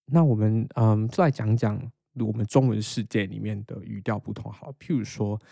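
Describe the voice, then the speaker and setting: In a dry recording, a young man with a Taiwanese Mandarin accent hosts a podcast, speaking at a moderate pace in a lowish, dark voice with vocal fry. He patiently and casually walks through how he learns English, then reads English lines aloud as shadowing practice.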